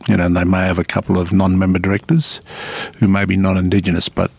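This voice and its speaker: A man speaking earnestly in an interview, making his case in a measured, repetitive way with frequent "you know". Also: deep voice, completely flat delivery, vocal fry, darkish tone, slightly rough, no echo. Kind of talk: radio interview, earnest advocacy.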